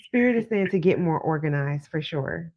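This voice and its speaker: A woman's voice: sits low, animated, moderate pace, no echo, dull audio. A woman hosting a live call-in as a psychic card reader, chatting casually and drawing out words for emphasis. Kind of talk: casual live-stream chat and card reading. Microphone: phone propped on a desk.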